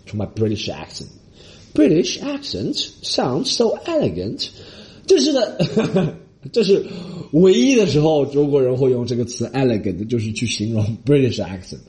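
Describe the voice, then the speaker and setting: A man hosting a comedy podcast, talking in a casual, joking monologue, with a Mandarin Chinese accent and English phrases mixed in. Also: medium pitch. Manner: animated, mixes English phrases, mocking voices.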